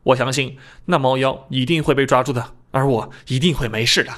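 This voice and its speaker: A man narrating a first-person novel in a lively, comic storytelling manner. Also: fairly quick. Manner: lively comic storytelling, jumps higher for his own quoted lines. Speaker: audiobook narrator.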